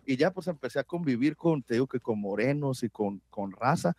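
A man from Mexico with a Mexican Spanish accent, chatting casually and telling a story in a relaxed, slangy way. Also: medium pitch, a little fast, dry recording. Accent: Mexican Spanish mixed with English.

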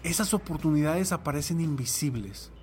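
A man with a slightly high, expressive voice and a darkish tone speaks at a normal speed over soft background music. He's a motivational speaker giving a reflective talk, sharing a personal anecdote and a parable while posing rhetorical questions to the listener.

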